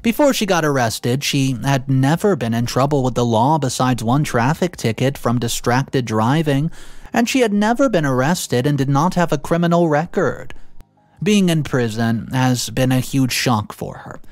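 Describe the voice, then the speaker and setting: A man reading a first-person Reddit story aloud, with sudden jumps in pitch on stressed words. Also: animated, moderate pace, no echo. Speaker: story narrator.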